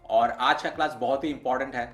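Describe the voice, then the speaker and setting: A man teaches an online language lesson, walking through each point step by step. He sounds out letters one at a time, and his voice sits at an ordinary middle pitch. Soft background music plays faintly underneath. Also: fairly even intonation, a little fast, husky.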